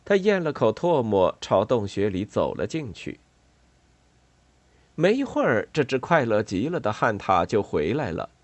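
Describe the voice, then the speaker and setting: A man reads a children's story aloud in a calm storytelling voice. His pitch rises and falls with lively shape, and the recording is dry and close to the mic. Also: measured pace, dry recording. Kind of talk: storybook narration.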